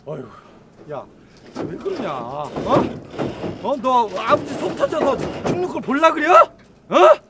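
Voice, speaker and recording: A man's voice: extremely high pitch, wildly swooping pitch, slow pace, pauses often, recorded from a distance, very noisy, exaggerated voice. An actor playing an angry middle-aged farmer and father who scolds with coarse words. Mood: scolding. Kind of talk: film drama acting.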